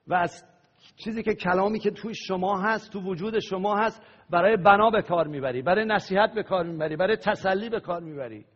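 A pastor preaching a sermon, praying aloud and leading the congregation in call-and-response. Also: male voice, sits high, husky. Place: church hall. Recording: dull lo-fi sound with long hall reverb.

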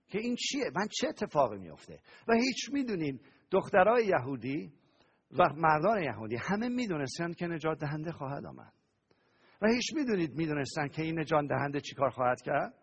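A male pastor preaching an animated sermon to a live congregation, often asking them questions and having them answer back. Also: sits high, breathy edge. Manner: animated preaching with call-and-response questions to the audience.

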